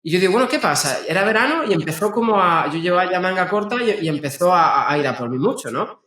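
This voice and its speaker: A man, speaking as a guest therapist in a conversational, halting way with frequent restarts. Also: sits high, animated, bright, forceful tone. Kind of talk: conversational explaining. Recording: roomy echo.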